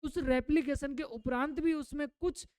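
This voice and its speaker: Speaking at normal speed with fairly even intonation, a woman with a high-pitched, darkish voice teaches biology, recorded with no room sound. She asks the class question after question, restates the answers herself, and uses English terms as she explains.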